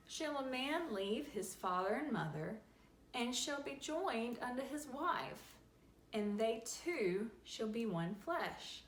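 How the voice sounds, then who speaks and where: A woman talks slowly and deliberately. Her delivery is folksy and animated, with homespun asides. The room sounds echoey, and there is a faint hiss behind her. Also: on the high side. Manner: folksy and animated, acts out little scenes. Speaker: host. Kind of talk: faith-based advice talk.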